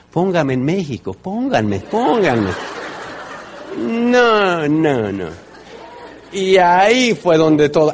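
A middle-aged man with a Mexican accent, giving a motivational talk and telling his story, with loud bursts and soft low asides. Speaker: speaker at a business event.

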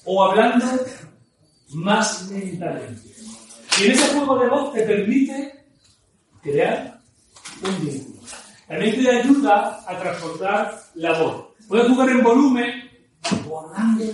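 Male speaking coach, playful and lively, higher voice, heavily echoing hall, distant mic. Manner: lively, playful, swings between loud and soft. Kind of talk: live talk on storytelling. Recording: very echoey room, mic far off, faint noise.

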